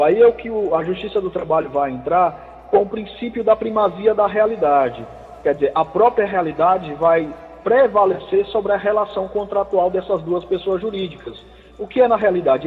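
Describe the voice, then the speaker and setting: Brazilian man on a phone line, measured legal explainer, fairly high voice, tinny and echoing. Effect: over the phone. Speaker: labor lawyer guest. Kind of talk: expert answering on a radio call-in show. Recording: thin phone line with long reverb.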